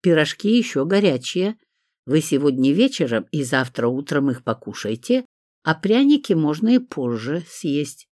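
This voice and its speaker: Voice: medium pitch, sing-song, normal speed, a little mellow, no room sound, clean studio sound, natural voice. A reader voicing a fussy, caring older woman who frets over others. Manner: fussy, anxious.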